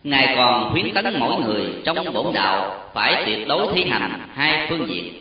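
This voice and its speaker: A man narrating a solemn story with an expressive, emotional delivery. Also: mid-range voice, moderate pace. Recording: very echoey, distant, dull lo-fi sound.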